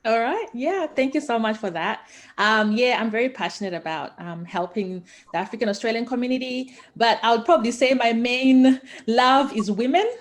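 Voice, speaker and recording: A woman's voice: on the high side, moderate pace. A woman from Zimbabwe, talking enthusiastically and passionately as a guest in a casual interview. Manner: enthusiastic and passionate, with many fillers. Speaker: guest, founder of investing education company.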